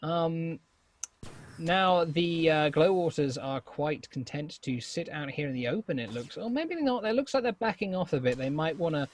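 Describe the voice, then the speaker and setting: A man giving color commentary on a video game match, with a voice a little higher than most men's. He mixes light jokes in with his play descriptions, and he lets out loud, surprised exclamations when the action turns. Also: animated, moderate pace. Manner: playful, jokey asides, loud surprised exclamations. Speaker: esports co-commentator.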